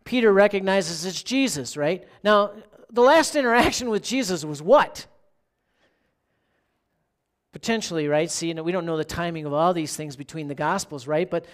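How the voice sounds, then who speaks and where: A pastor giving a sermon in a conversational way, often asking the listeners questions and checking in with "right?". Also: mid-range voice.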